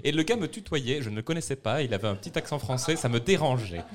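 Playful, laughing man with a lively voice. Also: mid-range voice, fast, a loud crowd. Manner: laughs often, playful teasing. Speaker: podcast host. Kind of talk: casual chat.

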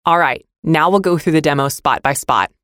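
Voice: medium pitch, moderate pace, fairly bright tone. A podcast host giving friendly, constructive feedback on voice demos, with casual fillers. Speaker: podcast host, demo reviewer. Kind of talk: instructional podcast critique.

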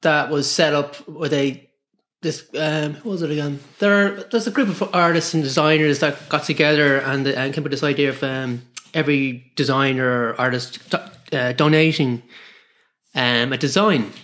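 An Irish man in a casual interview as a guest artist, explaining his work in a halting, repetitive way. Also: a little high, fairly even intonation, fairly bright tone. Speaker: guest artist and screen printer.

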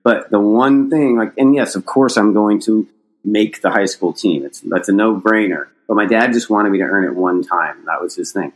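A man's voice: on the low side, moderate pace, poor audio. A middle-aged man from the United States telling a long personal story in a casual, rambling way, with restarts and casual swearing. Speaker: podcast guest, skateboarder.

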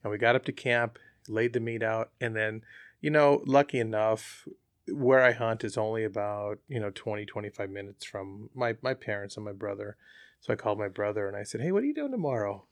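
A man telling a hunting story as an interview guest, relaxed and chatty with frequent fillers. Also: fairly low pitch, fairly quick, dry recording. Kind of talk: casual storytelling.

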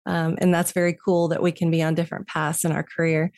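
A woman's voice: low voice, little pitch movement, fast talker, gravelly, a little mellow, no room sound, studio quality. A woman in her fifties co-hosting an interview podcast, enthusiastic and effusive. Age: 50s. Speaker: podcast co-host.

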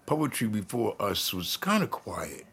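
A man speaks in an interview in a low, gravelly voice. It has a husky, fry-heavy grain as he explains himself conversationally. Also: big pitch swings, unhurried, a bit bright. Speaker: poet interviewee. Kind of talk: interview talk.

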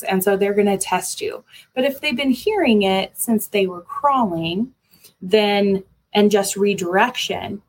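A woman's voice: lowish voice, slight background noise. Woman, parenting educator, informal talk, conversational, frequent ums and restarts.

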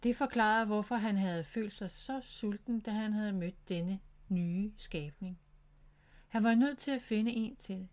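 A woman narrates a children's storybook in a gentle, clear reading voice. Her pitch sits in an ordinary middle range.

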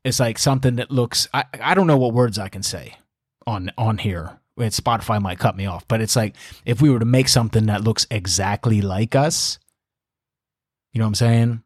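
A man's voice: fairly low pitch, moderate pace, a little mellow, no echo, clean studio sound. A man hosting a podcast who talks through scripture in a casual, rambling way, with many restarts and asides. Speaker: podcast host teaching scripture. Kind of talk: casual Bible study talk.

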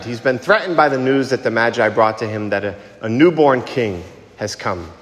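A man's voice: mid-range voice, fairly bright tone. Man preaching in cathedral-like echo. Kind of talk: liturgical reading and homily. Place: large reverberant church, cathedral-like echo. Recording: echoey church hall with long reverb.

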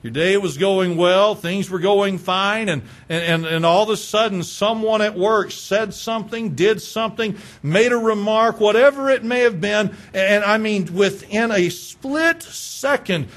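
A man with a fairly high voice preaches a sermon as a pastor. He keeps asking his listeners rhetorical questions and repeats words as he drives each point home. His delivery drops to hushed lines and then rises again. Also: a little slow, hardly any pauses. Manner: swings between hushed lines and raised ones.

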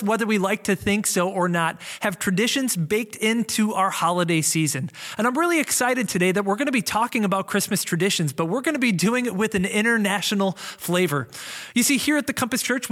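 A man's voice: sits high, fairly bright tone. A man who is a pastor, hosting a church conversation show in a welcoming, upbeat way. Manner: upbeat, welcoming host patter. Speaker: pastor and host. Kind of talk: hosted church talk show.

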